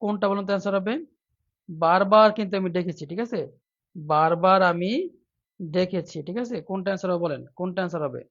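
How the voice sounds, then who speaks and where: Running a live online exam-prep lesson for job exams, a man drills his viewers by asking the same question again and again. His voice sits high for a man, his tone is steady, and he talks fast but leaves long pauses, reading viewer comments aloud more softly. The stream audio comes through dull and lo-fi.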